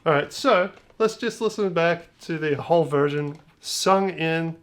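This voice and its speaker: Unhurried and a little high in pitch, a man leads a music production tutorial in casual screen-share style. He jokes around, drops slang and lets his phrases trail.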